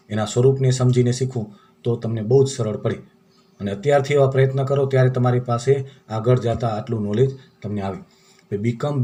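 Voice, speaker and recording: A man's voice: mid-range voice, mellow, a little hiss or hum. A man teaching a lesson in a patient, repetitive way, with a Gujarati accent, going through word forms and spelling them letter by letter. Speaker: English teacher. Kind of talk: classroom-style lesson in Gujarati.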